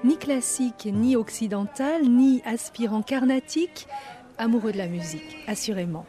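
Woman, reporter, scripted narration, measured lyrical delivery, music clearly underneath. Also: fairly high pitch, mellow.

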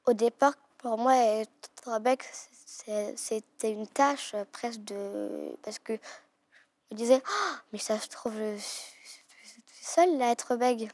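A young girl with a fairly high voice, speaking in halting phrases with frequent restarts. She is a guest describing her own experience. The sound is close and dry. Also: a little mellow, no room sound. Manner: hesitant, with many restarts. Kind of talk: casual chat.

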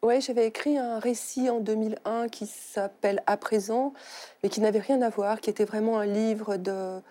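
A middle-aged woman novelist, born in Algeria, speaking thoughtfully on a talk show with many pauses and fillers. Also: fairly high pitch, fairly even intonation, mellow. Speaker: novelist guest. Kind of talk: studio talk show conversation.

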